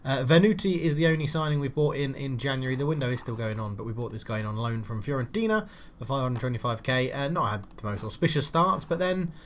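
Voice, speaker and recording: A young man giving casual, frustrated commentary while playing a football management game, swearing and shouting at his players. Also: mid-range voice, expressive, fast talker, slight background noise. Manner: frustrated, swears, loud outbursts at his team. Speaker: gaming channel host.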